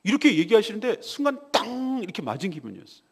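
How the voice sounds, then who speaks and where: A man preaching a morning devotional sermon in a church, telling a personal story in a confessional way, dropping to a hush and then rising loud. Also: high voice, wildly swooping pitch, quick pace, husky. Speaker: pastor. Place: church sanctuary. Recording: long reverb of a church hall.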